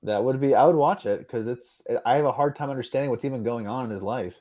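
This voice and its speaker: A man's voice: medium pitch, quick pace, a little mellow. An American man co-hosting a casual chat, teasing his partner, laughing often and explaining things at length. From United States. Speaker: co-host.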